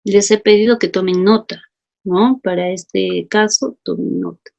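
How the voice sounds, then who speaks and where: Gravelly-voiced woman teacher running a class. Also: medium pitch, steady tone, unhurried, a little mellow, dull audio. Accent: Peruvian Spanish. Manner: calls students by name, asks for justifications. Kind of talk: online class, reading out student answers.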